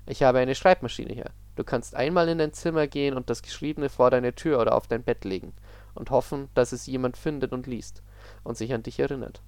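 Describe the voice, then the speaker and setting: A weary, sorrowful spirit of the dream realm speaks in a soft, subdued voice, as a man reading the story puts him on. The voice sits at an ordinary middle pitch. The recording is dry and close. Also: fairly even intonation, a little fast, smooth, no echo, lightly acted. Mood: somber. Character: sad weary otherworldly male dream being.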